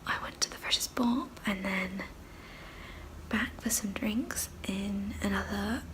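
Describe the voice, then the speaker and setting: A young woman whispering quietly to her phone camera as she vlogs. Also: medium pitch, takes it slowly. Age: young adult. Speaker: vlogger. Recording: phone recording with clear background noise.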